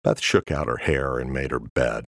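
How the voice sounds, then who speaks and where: A man narrating a thriller audiobook in a steady, measured storytelling manner. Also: rumbling low, gravelly, no room sound, clean studio sound. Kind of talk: scripted narration.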